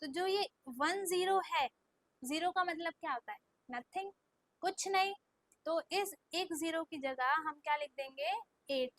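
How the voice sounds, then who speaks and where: A woman with a very high voice teaches small children. She says numbers in Indian English and repeats them slowly, asking many questions. The recording is dry and close. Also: fairly bright tone, no room sound. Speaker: kindergarten teacher. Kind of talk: recorded classroom lesson.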